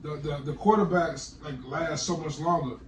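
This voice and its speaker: A man hosting a casual sports podcast chat, talking fast with many stammered restarts and slang, hiccuping. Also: fairly high pitch, steady tone. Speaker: podcast host. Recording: roomy, distant mic, faint noise.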